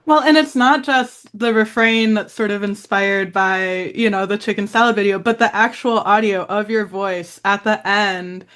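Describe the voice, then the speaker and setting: A woman's voice: medium pitch, fairly even intonation, normal speed, few pauses, fairly bright tone. A woman hosting an interview, asking casual questions with lots of "like" and "you know". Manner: conversational, many fillers like "like" and "you know". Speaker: host.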